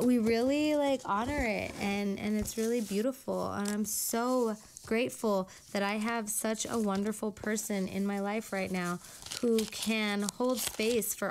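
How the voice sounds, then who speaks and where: A woman with a medium-pitched voice, recorded with a little hiss or hum, speaks Spanish as her first language. On her own show she chats casually and rambles, full of fillers, while reading old letters aloud.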